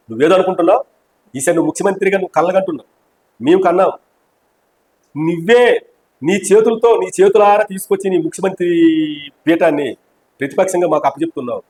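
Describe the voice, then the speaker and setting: Man, high voice, rapid-fire delivery, combative, mocking, heated political interview. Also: darkish tone, rough recording. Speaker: opposition party member interviewed.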